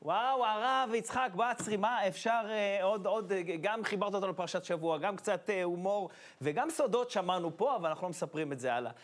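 A man hosting a late-night TV talk show, teasing his guests playfully. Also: high-pitched. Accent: Israeli Hebrew.

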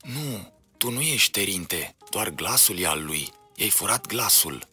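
A man's voice: fairly low pitch, big pitch swings, sharp tone, soft background music, heavily acted. A man voicing a tired and frightened old grandmother in a read-aloud storybook. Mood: weary. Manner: weary, trembling.

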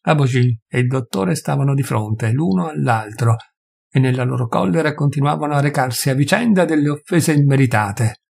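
Husky male audiobook reader. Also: mid-range voice, animated, darkish tone. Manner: measured literary reading. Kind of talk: scripted audiobook narration.

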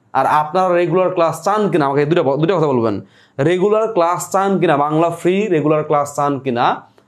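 A young man teaching a live online Bengali class, reading out viewer comments and explaining pronunciation step by step with many repeated questions to the class. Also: on the high side.

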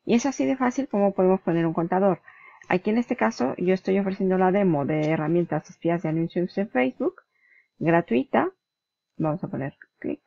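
Woman, gravelly fry, chatty tutorial walkthrough, dull lo-fi dry sound. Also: fairly low pitch, animated, fairly quick, warm tone, no room sound. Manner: chatty, explains step by step, mimics clicks and flips aloud. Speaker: tutorial host. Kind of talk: screen-recorded software tutorial.

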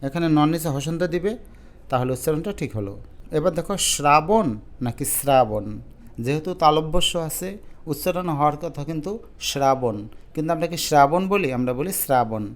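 Clear-voiced male teacher. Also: fairly high pitch. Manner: drawn-out slow syllables when modelling words. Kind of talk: exam-prep lesson.

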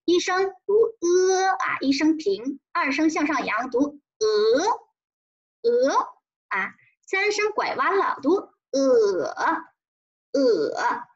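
A primary school teacher leads a children's pinyin lesson, stretching out each tone in a sing-song way and getting the class to repeat after her. Her voice is high, very animated and fairly bright, though the audio sounds dull.

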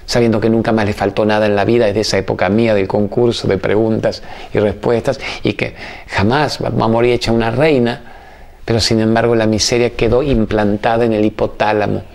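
Middle-aged man, Argentine accent, TV host, motivational talk, gravelly voice, quick bursts then slow emphatic lines. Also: fairly low pitch, level tone, a little mellow. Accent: Argentine Spanish. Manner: storytelling, fast bursts and slow emphatic phrases. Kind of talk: motivational talk to a studio audience.

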